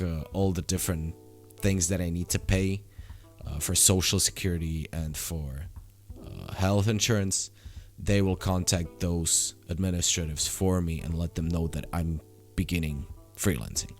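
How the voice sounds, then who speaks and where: Low-voiced young man with a sore throat. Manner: rambling, many fillers and restarts. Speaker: vlogger. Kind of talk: casual daily vlog update.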